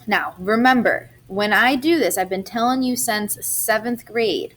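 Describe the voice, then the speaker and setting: A woman's voice: medium pitch, measured pace, a bit bright. A young adult woman, a math teacher, explaining algebra step by step in a chatty recorded lesson.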